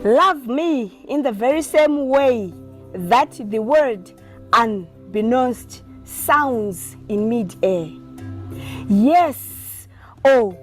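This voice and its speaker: A woman with a Zimbabwean accent giving a recorded recitation of poetry. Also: a little high. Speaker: poet reading a poem. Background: music.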